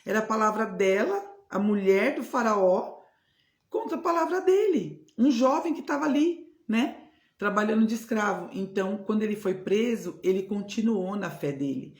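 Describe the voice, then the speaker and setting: A woman with a Brazilian Portuguese accent, a spiritual mentor, gives an earnest, repetitive devotional talk, often checking in with tag questions. Her medium-pitched voice has lively intonation and a moderate pace, with a roomy echo around it.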